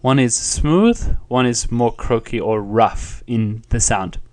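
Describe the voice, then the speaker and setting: Man, language teacher, medium pitch, calm, patient, explanatory, online lesson. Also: takes it slowly.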